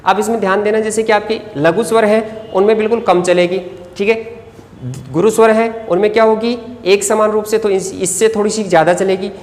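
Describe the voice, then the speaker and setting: A Hindi grammar teacher giving an exam-prep lecture, who keeps posing quick questions and answering them, drawing out key words. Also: mid-range voice, steady tone, a little mellow. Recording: echoey room with long reverb, faint ambience.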